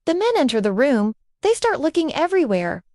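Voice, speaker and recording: A woman's voice: sits high, very animated, a little fast, a little mellow, no room sound, clean studio sound. A woman narrating a storybook and reading every part and cue aloud.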